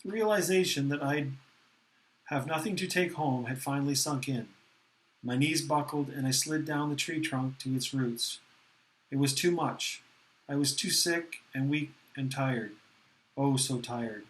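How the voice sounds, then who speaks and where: A man narrating a novel aloud in the first person, with a steady, earnest reading manner. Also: medium pitch, unhurried, rough recording.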